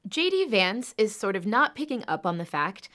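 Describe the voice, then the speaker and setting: A woman's voice: mid-range voice, sing-song, normal speed, fairly bright tone. A woman linguistics professor explaining speech and parody in an analytical way, with examples. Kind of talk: explanatory interview.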